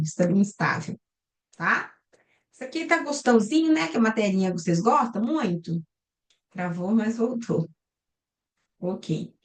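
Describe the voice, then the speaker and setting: A Brazilian Portuguese woman teaching a recorded online class over a video call, explaining step by step and checking in with her students. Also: fairly high pitch. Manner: explains step by step, often ending with "tá?" and "né?". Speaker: lecturer. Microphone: computer mic on a video call.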